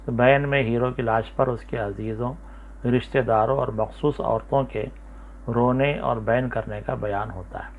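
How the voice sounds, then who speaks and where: A man with a Hyderabadi Urdu accent giving a lecture on poetry, explaining slowly with many fillers and repetitions. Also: medium pitch, steady tone, slight background noise. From India. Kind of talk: spoken lecture. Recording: tinny phone-like recording.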